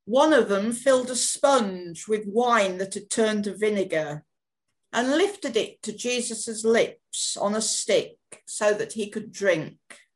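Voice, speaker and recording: A woman reads scripture narration slowly and deliberately. Her voice sits mid-range for a woman, unhurried throughout. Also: mid-range voice. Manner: slow, deliberate storytelling.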